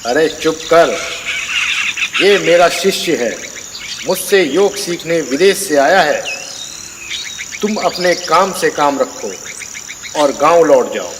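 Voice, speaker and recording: A man voicing an unhurried, authoritative holy man guru in a storybook tale. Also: a little high, expressive. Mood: stern. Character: calm male forest holy man, gruffly reassuring guru. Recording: long reverb, clear background noise.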